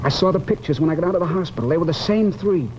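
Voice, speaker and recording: A man's voice: a little high, very fast, natural voice. An actor playing a haunted, guilt-ridden man confessing his fear of death, intense and brooding in the manner of 1950s television drama. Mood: grim confession. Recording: muffled, noisy old television soundtrack.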